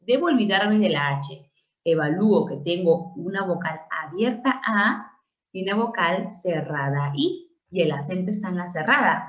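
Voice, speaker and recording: A woman's voice: lowish voice, darkish tone, reverberant, dull audio. A woman teaching a grammar lesson for exam prep, working through questions aloud, stretching out example words and asking rhetorical questions. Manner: explanatory, repeats and stresses example words, asks rhetorical questions. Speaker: language teacher.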